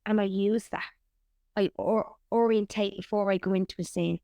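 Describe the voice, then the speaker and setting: A woman's voice: mid-range voice, fairly even intonation, moderate pace, creaky, mellow, dry recording, clean studio sound. A woman, an actor and writer, chatting candidly in an interview and swearing freely. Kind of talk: casual interview chat.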